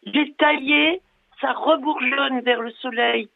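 Woman caller on the phone to a radio show, kinda high voice, stops and starts a lot, tinny phone sound. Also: steady tone, gravelly, no room sound. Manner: hesitant, halting with many pauses. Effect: heard over a telephone line. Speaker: radio call-in listener. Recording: narrow tinny phone line.

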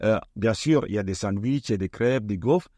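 A man being interviewed on the radio about an event he organizes, speaking hesitantly with many pauses. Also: lowish voice, mellow, no echo, studio quality. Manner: hesitant, many fillers and restarts.

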